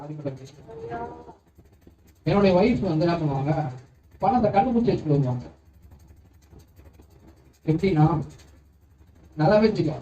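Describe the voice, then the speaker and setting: High-voiced pastor preaching in an echoey room. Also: male voice, mellow, distant mic, dull audio, slight background noise. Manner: keeps asking the congregation if they understand. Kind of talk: sermon.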